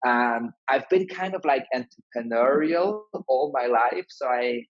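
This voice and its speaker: Husky man on a call. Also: mid-range voice, lively intonation, measured pace, no room sound, muffled recording. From Switzerland. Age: 30s. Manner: friendly, many restarts and fillers. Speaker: guest, digital nomad entrepreneur. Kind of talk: casual interview talk.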